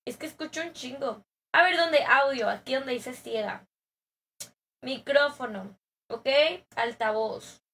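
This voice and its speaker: Young Mexican woman, high voice, unhurried playful slangy streamer patter. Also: pushed and bright, slightly rough. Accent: Mexican Spanish. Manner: playful, slangy, laughing asides. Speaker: gaming streamer. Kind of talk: casual gaming stream chat.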